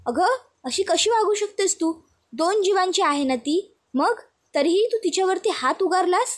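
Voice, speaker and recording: A woman's voice: high-pitched, expressive, normal speed. A woman voicing a stern, angry mother-in-law who scolds sharply and reproachfully while retelling a serial. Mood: scolding.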